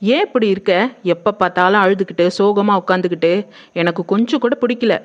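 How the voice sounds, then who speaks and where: A woman's voice: mid-range voice, fairly quick, lightly acted. A woman playing a blunt scolding mother. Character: scolding impatient middle-aged mother. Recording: muffled lo-fi sound.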